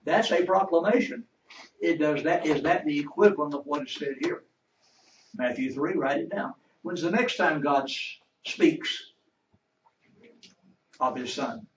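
A man's voice: on the high side, measured pace, pauses often, slight background noise. Male Bible teacher, questioning class; distant, roomy, dull church recording. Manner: asks the class questions and waits for answers. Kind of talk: interactive Bible lesson.

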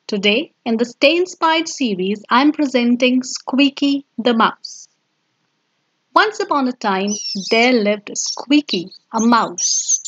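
A woman with an Indian English accent who teaches English, reading a children's story and guiding a vocabulary activity in a clear, deliberate manner. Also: on the high side, slight background noise. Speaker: English teacher and channel host. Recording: dull lo-fi voice-over.

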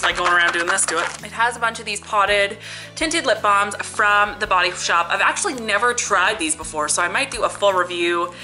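In her living room by a lit Christmas tree, a young beauty and family vlogger from Canada talks casually to a camera placed close in front, sniffly from a cold but cheerful and full of "likes" and "ums." Her medium-pitched voice sounds pushed and bright, and the audio is poor.

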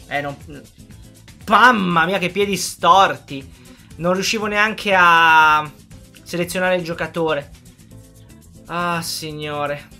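Woman gaming creator, bright and punchy, yells at every goal. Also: medium pitch. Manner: excitable, yelling at goals, chatty asides to viewers. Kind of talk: live gameplay commentary.

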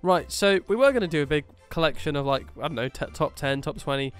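Casting: male tech podcast host, fairly high, smooth voice, faint music underneath. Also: expressive, fast. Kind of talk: casual podcast chat.

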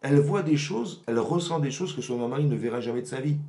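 Fast-talking gravelly rabbi teaching. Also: male voice, medium pitch, echoey room. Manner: animated, asks "vous avez compris?" often. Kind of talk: religious lesson to women. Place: rented workshop room.

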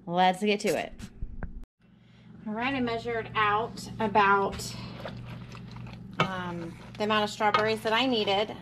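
A woman's voice: mid-range voice, fairly bright tone, a little hiss or hum, low-quality recording. A woman casually narrating a home cooking project in her kitchen, practical and chatty, thinking aloud as she works. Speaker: home cook and homesteading vlogger. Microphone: camera mounted above the stove and counter.

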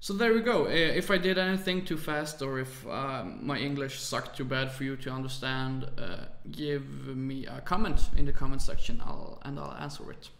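A tired music production tutor, recording a software tutorial from his screen late at night, speaks at normal speed with hardly any pauses. His voice is gravelly, mid-range and a bit bright in a reverberant space. Still, he's hesitant, leans on "uh" fillers, and apologizes for his English.

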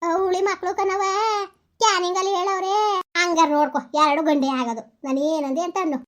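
A woman's voice: very high-pitched, fairly even intonation, brisk, fairly bright tone. A woman acting as gossiping village women in a comedy skit, exclaiming often and repeating herself. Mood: gossipy. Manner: chatty, exclaiming, repetitive village talk.

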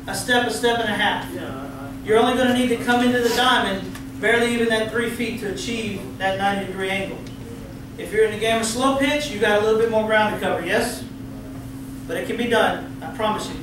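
Captured from across a very echoey room by a camera with no visible microphone, a middle-aged man with a Texan accent runs an umpire training session in a large meeting hall. His voice sits high over a noisy background as he coaches, asks the group questions and drops folksy jokes.

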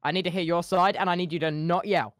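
A man's voice: sits high, fairly even intonation, fast, no room sound. A young man with a dry, close-miked voice, presiding over improvised game role-play. He speaks officiously and keeps calling the room to order. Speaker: player acting as presiding leader in a mock trial. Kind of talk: improvised gaming role-play, refereeing an argument.

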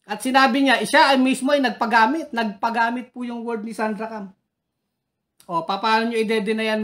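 A woman speaks in a slightly higher voice as a political commentator. She taunts and challenges her critics head-on, firing off questions one after another in a combative, heckling way. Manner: taunting, heckles critics and reads their names.

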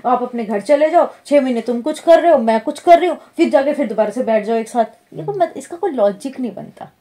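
A woman's voice: high-pitched, animated, brisk, warm tone. A woman in a casual argument with her husband, blunt and insistent, demanding that he speak straight. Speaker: wife in a prank video.

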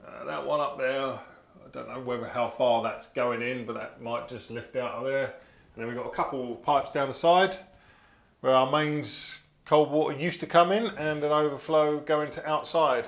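Speaking at a moderate pace in a mid-range voice with fairly even intonation and vocal fry, the middle-aged man talks through his DIY work in a small tiled bathroom. He's chatty and practical, using fillers as he thinks aloud. His action camera picks up echo from the tiled room and faint noise.

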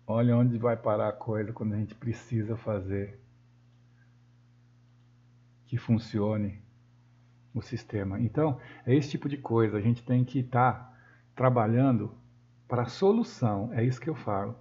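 A Brazilian man with a Brazilian Portuguese accent gives a screen-recorded software tutorial, thinking aloud as he works and correcting himself often. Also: medium pitch, a little slow, long pauses. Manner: thinks aloud while working, with frequent self-corrections. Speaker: software instructor. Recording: dull lo-fi sound.

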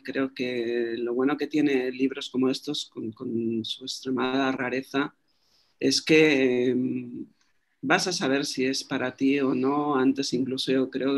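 A man with a Spain Spanish accent on a video call, talking animatedly about a book and repeating phrases. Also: medium pitch. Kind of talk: casual video call conversation.

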